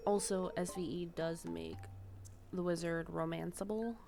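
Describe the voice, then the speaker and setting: A woman's voice: fairly low pitch, steady tone, a little slow, vocal fry, background noise. Stuffed-up woman chatting over gameplay. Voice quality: soft, chatty, trailing off with fillers. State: stuffed-up nose. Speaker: streamer. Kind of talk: casual gameplay commentary. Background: game music.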